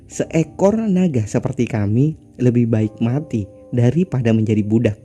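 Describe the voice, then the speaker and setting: Guy doing proud dragon bone spirits refusing to be slaves, deep warm voice, quiet music. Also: expressive, normal speed, close to an everyday voice. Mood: defiant. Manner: proud and defiant. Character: proud chorus of dead dragons' bones.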